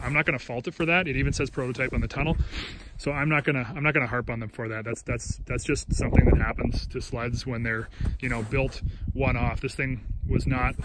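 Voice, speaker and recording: A man of middle pitch talks in a loose, rambling way, full of restarts and "um"s. He is recording outdoors on a handheld phone. Clear engine noise runs under his voice. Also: brisk. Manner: rambling, with restarts and filler words. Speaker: snowmobile reviewer. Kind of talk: casual walkaround review. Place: outdoors on snow beside a snowmobile. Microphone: handheld phone camera.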